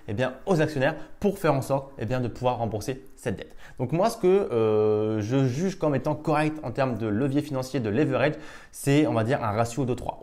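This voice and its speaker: A man's voice: medium pitch, a little mellow. A man teaching stock investing over a screen-share, explaining step by step with frequent hesitations. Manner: explanatory, many fillers and restarts. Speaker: investing educator.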